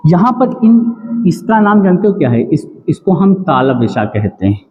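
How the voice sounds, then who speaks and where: A man's voice: a little high, very animated. Man teaching grammar over tinny, echoing sound. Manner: repeats each rule and quizzes the listener with questions; drawn-out, spelled-out syllables on the examples. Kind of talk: exam-prep grammar lesson. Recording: tinny, lo-fi sound with a long echo.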